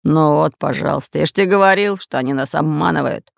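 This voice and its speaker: A woman voicing a fat, red-bearded, bossy pirate captain in an audiobook, speaking in a gruff, commanding way. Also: low-pitched, fast, dry recording, clean studio sound. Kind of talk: audiobook character voice.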